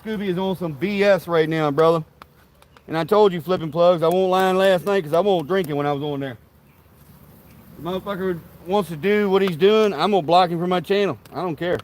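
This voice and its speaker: A slightly high-voiced livestream host chats casually with viewers outdoors at a backyard grill, his talk brisk and a little mellow. The folksy, meandering banter is laced with swearing and rowdy jabs at the chat.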